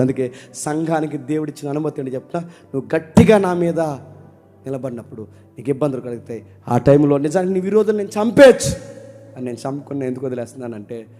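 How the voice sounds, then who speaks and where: A male pastor preaching a sermon who swings between loud outbursts and hushed asides and keeps asking the congregation questions. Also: mid-range voice, fast talker, faint music behind. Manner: asks the congregation questions and calls for replies.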